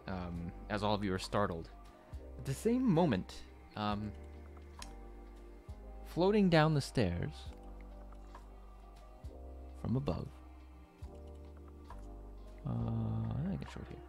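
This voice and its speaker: Guy running a d&d game online, talks real slow, kinda low voice. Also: gravelly, faint music behind. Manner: slow, relaxed narration with filler ums. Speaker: game master. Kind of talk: narrating a tabletop game. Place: home, online session.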